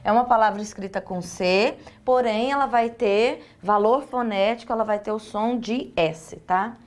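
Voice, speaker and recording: A woman's voice: fairly high pitch, normal speed. A woman with a Brazilian accent teaching a recorded online lesson, explaining step by step and asking and answering her own questions.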